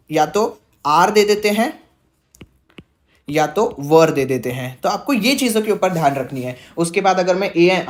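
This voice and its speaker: A man teaches grammar in a loose, chatty way, circling back to repeat each point. He sprinkles English terms through his explanations and often acts out a student's doubt before answering it. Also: a little high. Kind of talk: casual classroom lesson.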